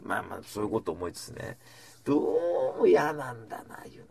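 Husky, animated man telling rambling stories. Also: fairly low pitch, brisk. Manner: rambling storytelling with asides, acting out quotes. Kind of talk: casual chat.

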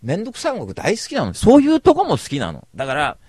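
A man's voice: on the high side, huge pitch swings, fast, darkish tone, no room sound. A man rambling through a casual storytelling monologue, blunt and slangy, calling himself a cynic. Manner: slangy rough speech.

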